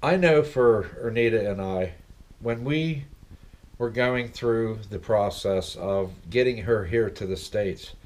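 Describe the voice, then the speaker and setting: Seated at his desk and recorded on a laptop webcam, a middle-aged man hosts a casual vlog from his living room. His voice is lowish with a darkish tone, and he takes it slowly, chatting, rambling and posing lots of questions to his viewers.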